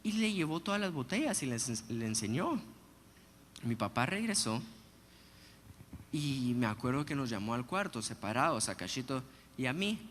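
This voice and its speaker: A man preaching a sermon, telling personal stories in an animated, humorous way. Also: mid-range voice, normal speed. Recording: long hall reverb, faint background noise.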